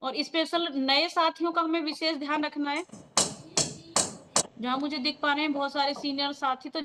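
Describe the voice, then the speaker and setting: A high-pitched woman speaks over a video call, leading a training session for her team. She talks in an earnest, firm and encouraging way, in a plain meeting-leader style. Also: a bit bright, a little hiss or hum.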